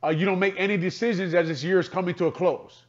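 A man's voice: high voice, steady tone, fast talker, lo-fi sound. A man giving postgame radio analysis, sounding frustrated, repeating himself and restarting sentences as he talks. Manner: frustrated, repetitive, restarts often.

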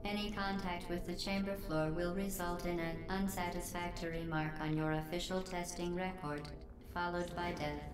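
A woman voicing a cold, polite female computer that runs test chambers, heard through a robotic, glitchy voice filter, delivering deadpan clinical announcements. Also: fairly low pitch, normal speed. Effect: robotic, glitchy processed voice filter. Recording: echoey, distant, under game music.

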